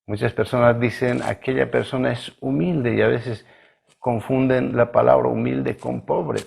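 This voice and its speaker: A male pastor from Bolivia preaching a sermon in a measured, emphatic way, drawing out key words. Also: mid-range voice, flat delivery, gravelly, a little mellow, husky. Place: church livestream.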